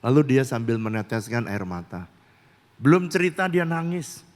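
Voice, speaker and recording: A man's voice: medium pitch, sing-song, normal speed. A male pastor preaching a sermon, telling stories and acting out dialogue, recorded in a church hall. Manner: storytelling, acts out dialogue, mixes in English phrases. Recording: long church-hall reverb.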